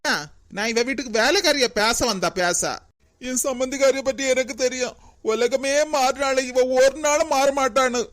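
A woman with a high-sitting, natural voice at normal speed does cartoon voice acting as a put-upon young daughter-in-law, upset, anxious, and plaintively pleading, in a Kanyakumari Tamil accent.

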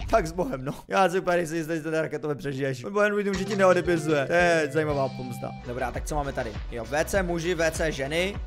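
A young man giving casual, jokey commentary over a game, swinging between low muttering and sudden excited yelps. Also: over music. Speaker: gaming YouTuber.

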